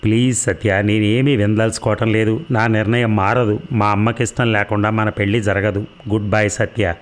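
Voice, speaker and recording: A man's voice: lowish voice, flat delivery, normal speed, lightly acted. A man reading a torn young man. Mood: resolute. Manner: firm yet regretful. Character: young man torn, devoted to his mother.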